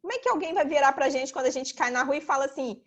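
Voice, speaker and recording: A woman's voice: rapid-fire, muffled recording. A woman giving a casual online talk over a video call, explaining ideas step by step and often asking "né?". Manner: explanatory, sprinkles "né?", acts out children and mothers in high voices. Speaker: talk presenter.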